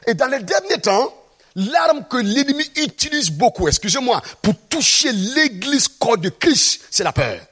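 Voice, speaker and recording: Preacher guy, high voice jumping all over, a bit husky, keeps asking the crowd questions. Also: fairly bright tone. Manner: emphatic, calls out to the congregation with questions. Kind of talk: sermon.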